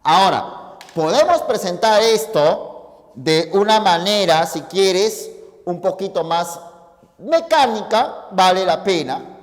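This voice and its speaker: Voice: medium pitch, takes it slowly, in a large hall. A teacher giving a logic lesson, explaining each step and often checking that the students follow. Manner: addresses listeners informally, pointing at the board.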